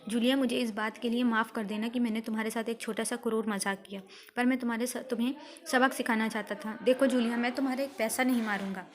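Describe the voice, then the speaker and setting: A woman's voice: fairly high pitch, quick pace, hardly any pauses, natural voice. A woman reading as a stern, lecturing male householder. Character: stern scolding middle-aged male householder.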